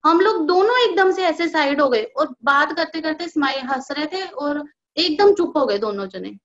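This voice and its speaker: Animated storyteller woman, high voice. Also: normal speed. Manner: animated storytelling, acting out quoted dialogue. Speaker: devotee sharing a personal experience. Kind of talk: casual spoken testimony. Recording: dull lo-fi recording.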